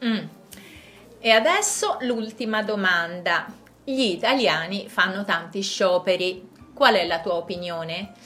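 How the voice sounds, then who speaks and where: A woman takes part in a scripted dialogue for language learners. She speaks clearly and at a measured pace, in a mid-pitched voice. Soft music plays faintly behind her. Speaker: dialogue partner in a language lesson.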